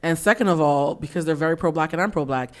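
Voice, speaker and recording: A woman in her thirties from the US East Coast, hosting a candid podcast conversation, blunt and animated, acting out quotes. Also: low voice, fast. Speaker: podcast host.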